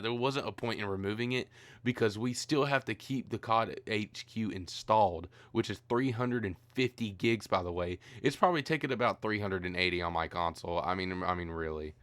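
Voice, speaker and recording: A man's voice: fairly low pitch, fairly bright tone, dry recording. A tired man ranting profanely in a rambling, exasperated gaming commentary.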